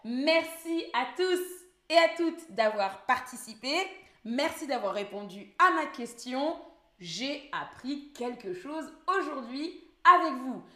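A woman's voice: high voice, animated, slow, sharp tone, echoey room. A woman teaching French in a live online lesson, patiently repeating words and questions for her viewers.

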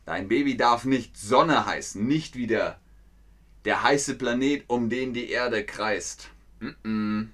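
A man giving a playful live-stream lesson to his chat, speaking slowly and clearly. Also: medium pitch, a bit bright. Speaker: German teacher streaming to chat.

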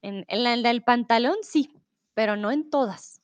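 A woman's voice: fairly high pitch, no room sound. A woman teaching a live online class, patiently reading out riddles and answering students' chat replies. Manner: patient, switches between Spanish, English and German to explain; reads riddles slowly and deliberately. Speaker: Spanish teacher.

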